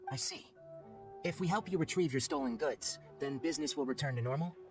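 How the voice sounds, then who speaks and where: A man's voice: on the high side, a little fast, natural voice. A man voicing a businesslike young forest watcher in a video game, speaking in a matter-of-fact, curt way. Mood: questioning. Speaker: voice actor in game dialogue. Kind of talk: scripted video game voice acting. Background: game background music.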